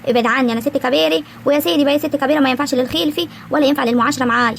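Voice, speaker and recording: A woman voicing an older, jealous village wife in an animated comedy, scolding in an Egyptian rural accent. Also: sits high, vocal fry, slight background noise. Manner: scolding, quick, indignant.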